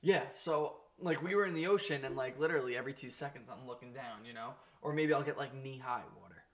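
A man's voice: mid-range voice, fairly bright tone. Laid-back young man, casual swearing. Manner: laid-back, swears often, drawn-out emphasis. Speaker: podcast co-host. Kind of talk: casual chat.

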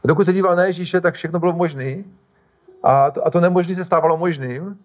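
A man with a fairly high voice preaches a sermon in a loose, conversational way. He often breaks off mid-phrase to restart or correct himself. The recording sounds dull and lo-fi. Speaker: pastor.

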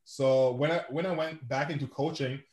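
Speaking with a Québécois French accent, a Quebec City man whose first language is French appears as a guest in an interview, where he's a sport founder and coach. He rambles in a casual way, restarting often and using lots of fillers, in a steady, slightly mellow voice of medium pitch at moderate pace. There's reverb on the recording.

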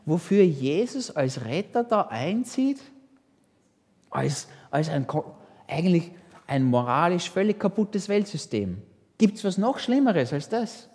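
A man preaching a sermon in a lively way, with rhetorical questions. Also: high-pitched, a little slow, big-room sound. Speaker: pastor.

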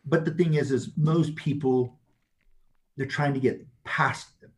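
A man's voice: mid-range voice, steady tone, a little slow. A man talking bluntly and emphatically as an interview guest, laughing often as he makes his points. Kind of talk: casual chat.

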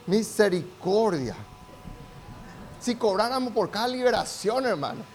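An older man with a Rioplatense Spanish accent preaches a sermon from the pulpit. His voice sits high for a man, and he swings between quiet asides and shouted peaks while calling the congregation to answer amen. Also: lively intonation, unhurried, a little hiss or hum. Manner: preaching with rising, shouted emphasis and calls for amen. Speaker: pastor.

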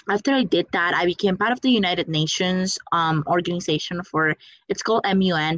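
A young Spanish-speaking woman from the Dominican Republic eagerly answers interview questions about her career coaching firm, using lots of fillers. Her voice is fairly low, and the recording is dry and rough.

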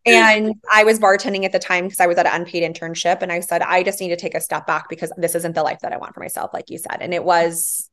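A woman in her thirties speaks as a podcast guest with a somewhat low voice. Her delivery is animated and chatty, full of fillers and quick laughs. She sounds relaxed and conversational. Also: slight background noise. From Hawaii, raised later in Arizona. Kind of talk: casual conversational interview.

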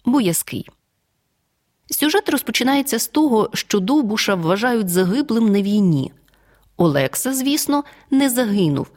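A woman teacher from Ukraine reads a scripted audio lesson in a dry, close recording. Her pitch is mid-range but moves a great deal. She dictates the example words clearly and deliberately. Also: a little mellow, dry recording.

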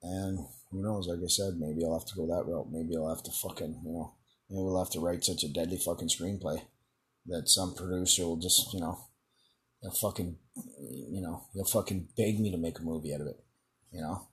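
A man's voice: deep voice, fairly even intonation, normal speed, slightly rough. A man hosting his own podcast in a rambling solo monologue, swearing constantly and chuckling between filler words. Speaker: podcast host.

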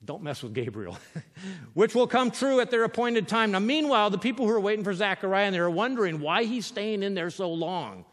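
High-pitched male preacher, chatty sermon, long echoing hall. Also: animated, fairly quick. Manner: conversational, often asks "right?"; drops to quiet emphasis. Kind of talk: sermon on scripture.

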